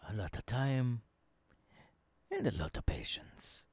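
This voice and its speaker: Fully in character, a voice actor plays an earnest futurist professor leading an apprentice in an intimate, second-person ASMR roleplay, sounding reassuring and fervent. His husky voice is slow and deliberate, its halting phrases swinging hugely between emphatic rises and whispered lows. The close microphone captures it dry, with no echo.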